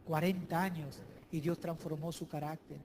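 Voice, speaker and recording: A male pastor preaching a sermon in a church, emphatic and swinging between loud declarations and hushed asides. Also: a little high, fairly even intonation, moderate pace, a little hiss or hum.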